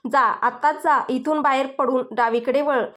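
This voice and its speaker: A woman's voice: high-pitched, steady tone, normal speed, fairly bright tone. A woman voicing a teasing, stubborn young husband in a storybook. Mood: mocking. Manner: teasing, mock-formal, stubborn. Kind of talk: storybook dialogue.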